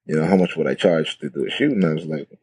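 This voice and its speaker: A laid-back man talks easily as a podcast guest, his voice very low and mellow. The recording is dry and close. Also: quick pace, no echo. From the Bahamas. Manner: laid-back, lots of "you know" and "like". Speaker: wedding photographer, podcast guest. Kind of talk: casual interview chat.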